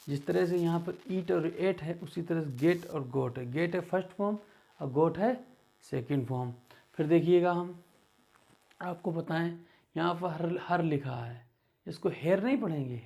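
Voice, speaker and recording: A man leads a beginner English lesson, slow and patient, saying each word over and over for his students. His voice is gravelly and somewhat dark, pitched a little high for a man. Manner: slow, patient, repeats words for learners. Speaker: English teacher.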